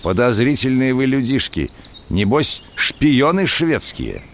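A man playing a gruff, suspicious tsarist soldier in a radio adventure drama, barking orders in folksy old-fashioned speech. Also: medium pitch, sing-song, slow pace, a little hiss or hum. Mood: stern, suspicious. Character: gruff, suspicious soldier of Peter the Great's guard.

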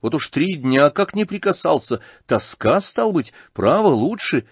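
A man's voice: on the high side, big pitch swings, a little slow, breathy edge, dry recording, pitched above the performer's own voice, full character voice. A man voicing an earnest teenage boy coaxing his mother in an eager, pleading way.

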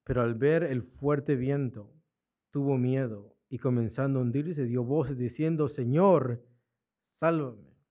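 A man's voice: medium pitch, fairly even intonation, measured pace, dark tone. A man preaching a sermon in a church, asking his congregation rhetorical questions and repeating his key points. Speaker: pastor.

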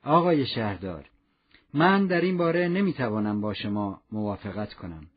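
A man's voice: fairly high pitch, big pitch swings. A man reading as a stern, rigid police inspector. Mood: grave, insistent. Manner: grave, formal, insistent. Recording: dull lo-fi audio.

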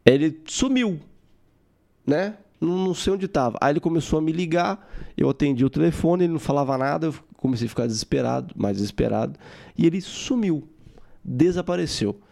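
Gravelly-voiced man telling a story. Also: a little high, brisk. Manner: animated, swearing, acts out his own quotes. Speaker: podcast host. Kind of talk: casual storytelling monologue.

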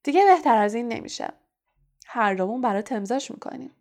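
A vain, self-admiring teacher from a storybook, booming with cheerful pomp, as a woman reading puts him on. His voice sits fairly high and rises into loud, showy calls. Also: expressive. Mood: jovial. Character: vain, showy male teacher, middle-aged.

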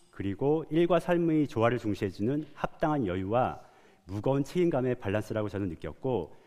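A man's voice: medium pitch, a little mellow. A man from South Korea giving a prepared public talk as an animator. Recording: long hall reverb.

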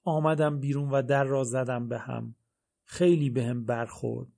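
A male narrator reads a novel aloud in the first person with a wry, dry delivery. His voice has a gravelly, creaky texture at a middle pitch. It has the steady feel of a recorded audiobook.

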